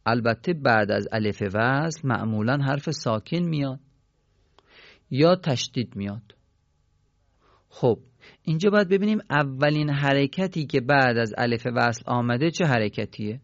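A man's voice: medium pitch, dry recording, muffled recording. A man teaching a Quran recitation lesson in a patient way, asking questions and then answering them himself. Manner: patient, asks and answers his own questions. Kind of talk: explanatory lesson.

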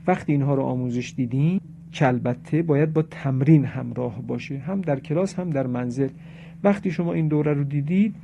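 A man's voice: mid-range voice, creaky, warm tone. A man teaching a religious lesson on correct Quran pronunciation, explaining in a lecturing way and reciting Arabic examples. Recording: dull lo-fi recording with faint noise.

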